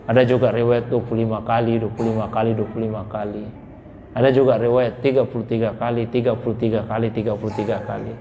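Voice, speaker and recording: A man giving a Quran exegesis lesson in a mosque, reciting Arabic verses slowly and then explaining them in plain, calm speech. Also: fairly low pitch. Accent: Indonesian. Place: mosque hall. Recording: long reverb in a mosque hall, faint noise.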